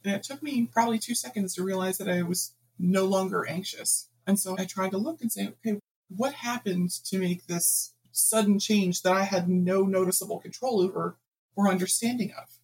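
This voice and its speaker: Husky-voiced woman telling stories. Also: mid-range voice, moderate pace, low-quality recording. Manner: animated storyteller who laughs often. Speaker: guest author. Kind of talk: casual storytelling interview.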